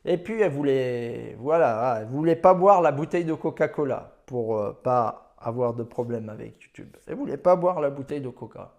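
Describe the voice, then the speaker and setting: A man's voice: mid-range voice, animated, moderate pace, hardly any pauses, a little mellow. A man giving dating advice in a casual monologue, telling his own stories in a boastful, slangy and emphatic way.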